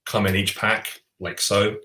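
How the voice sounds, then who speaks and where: A man with a fairly low voice chats eagerly as a podcast co-host, often restarting his sentences. His voice bounces around a roomy, echoey space. The talk is loose and conversational. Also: flat delivery, a little slow, bright, forceful tone. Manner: chatty and enthusiastic, with frequent restarts. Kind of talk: casual chat about board games. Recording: roomy echo.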